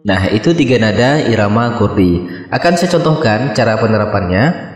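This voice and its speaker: A man hosting a recitation channel, calmly explaining a chanting lesson. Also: on the low side, moderate pace. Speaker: channel host and recitation teacher. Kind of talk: spoken instruction. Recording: echoey room with long reverb.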